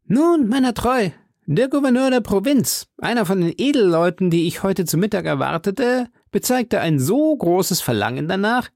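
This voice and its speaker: A man reading an audiobook voices a boisterous, hearty nobleman with a big appetite, speaking jovially and raising his voice high. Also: expressive, normal speed, a little mellow, dry recording, clean studio sound. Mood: jovial boasting. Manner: booming, raised high, jovial.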